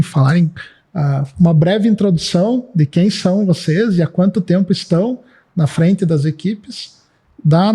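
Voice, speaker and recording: Gravelly, husky male podcast host. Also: high voice, dark tone. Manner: brief prompts, introduces guests. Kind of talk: podcast interview.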